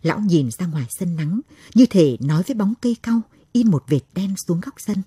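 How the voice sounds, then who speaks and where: A woman narrating a story in a slow, measured reading voice. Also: fairly low pitch, animated, mellow, breathy edge, dry recording, clean studio sound.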